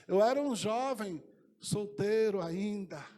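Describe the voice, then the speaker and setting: A man preaches in a church. His delivery is impassioned, dropping to near whispers and then rising to shouted declarations. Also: sits high, animated, takes it slowly. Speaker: pastor. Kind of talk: sermon. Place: church sanctuary.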